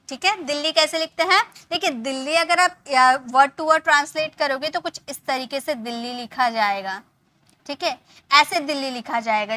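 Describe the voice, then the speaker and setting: A woman's voice: sits high, bright, forceful tone. A woman teacher patiently spelling out words letter by letter, checking in often with her students. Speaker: English teacher. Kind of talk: spelling lesson in Hindi.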